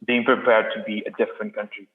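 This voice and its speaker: A young man from Sudan talks in a low, fairly flat voice. He answers casually and hesitantly, often restarting his sentences. The sound is thin and phone-like, with a roomy echo. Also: quick pace. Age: young adult. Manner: hesitant, many restarts and fillers. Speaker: interview guest. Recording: echoey, phone-like audio.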